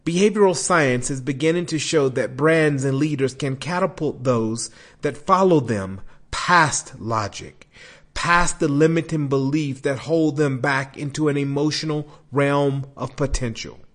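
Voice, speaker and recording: A man hosting a podcast, delivering a scripted introduction and interview questions with emphatic, dramatic pauses. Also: a little high. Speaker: podcast host.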